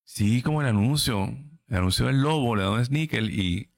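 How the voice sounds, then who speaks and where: This podcast host, a man in his thirties, chats casually on a livestream, addressing his audience directly. His mid-range voice has vocal fry and lively intonation at a moderate pace. Blunt and emphatic, he doesn't hold back on swearing.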